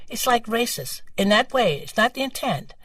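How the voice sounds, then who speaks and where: An older woman from New York with a New York accent, telling her story as a guest in a casual interview, animated and laughing. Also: a little high, normal speed, no room sound, far from the mic. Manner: animated, laughing, acts out quoted voices.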